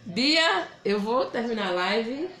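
Slow, a little high and a bit bright, her intonation is lively. She comes from Bahia and has a Bahian Brazilian Portuguese accent, running a casual live craft demo where she chats, welcomes viewers by name and reads their comments out loud, with a roomy echo around her.

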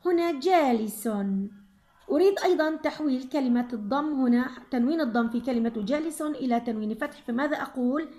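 A woman teacher with a Jordanian accent and a high voice leads a grammar review for young pupils. She talks slowly and deliberately. She repeats the key words so the class can follow along. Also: mellow.

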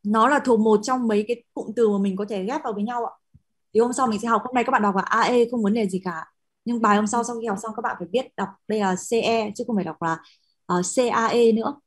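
A young woman teaching a class speaks quickly with a husky, breathy edge. She explains patiently, stops often to check that students follow, and leans on filler words as she goes. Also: fairly high pitch. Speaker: Latin teacher. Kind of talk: classroom lesson.

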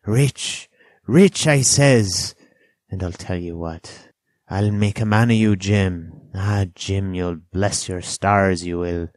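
Performing a storybook's marooned old sailor, a man makes the character half-crazed, sly and childlike, with rustic dialect, drawn-out words and abrupt excitable bursts. His voice is low and he sounds excited. The studio sound is clean, with no echo.

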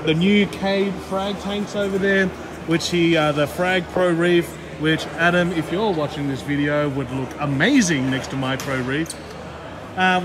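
A man, vlogging a chatty walkaround of an aquarium expo on a handheld gimbal camera. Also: a little high. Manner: upbeat, chatty, fast run-through of booths. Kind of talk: walkaround vlog. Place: large indoor expo hall. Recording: noisy hall with background chatter.

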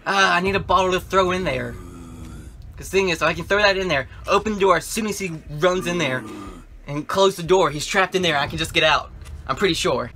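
A young man with a high, sharp voice talks briskly as he plays a horror game on facecam, musing casually to himself. There's slight background noise.

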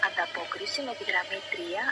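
A woman's recorded announcement in a formal, measured manner, heard over a train loudspeaker. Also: on the low side. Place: on a metro train. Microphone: picked up from a train loudspeaker by a handheld camera. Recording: distant loudspeaker with loud music.

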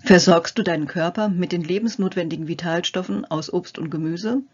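A woman's voice: on the low side, fairly quick, slightly rough, dull audio. Friendly older woman health coach. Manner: friendly, addressing the viewer directly, gently playful. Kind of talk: scripted narration to camera.

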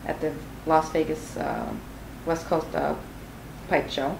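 Woman, pipe in mouth, gravelly low voice, hesitant, echoey noisy room. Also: wildly swooping pitch, slow. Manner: hesitant, many fillers. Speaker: guest. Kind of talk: casual interview.

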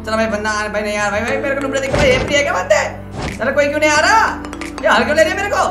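Young guy gaming streamer, high voice, fast teasing banter, echoey room with music playing.

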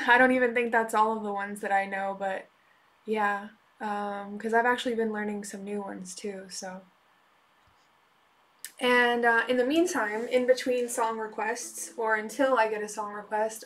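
A woman chatting casually on a live music stream, relaxed and unhurried, with frequent "um" pauses. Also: medium pitch. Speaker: live-stream musician taking song requests.

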